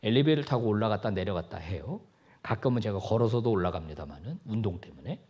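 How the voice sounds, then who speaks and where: Animated joking male pastor preaching. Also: on the low side, quick pace, husky. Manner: animated, jokey, acts out dialogue. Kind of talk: sermon. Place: church sanctuary.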